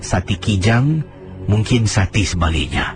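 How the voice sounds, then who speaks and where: A man, a radio host telling listeners' horror stories late at night, slowing down and dropping his voice low for suspense. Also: animated. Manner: dramatic storyteller, slows and drops low for suspense. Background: music bed.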